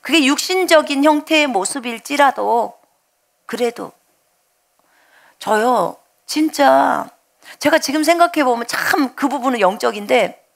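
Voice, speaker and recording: A woman pastor preaching a sermon in a high, gravelly voice. She speaks earnestly and tells of her own faith. She voices her prayers aloud as if talking to someone right beside her. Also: animated, measured pace. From Jeolla, Korea.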